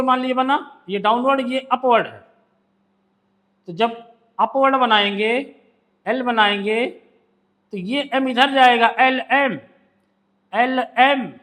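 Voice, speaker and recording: A man teaching a shorthand lesson in a strikingly high voice, taking his time over each stroke. He drills sounds patiently, saying them again and again. His tone is crisp and bright, and the room rings with long reverb. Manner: slow, patient drilling with repeated stroke names.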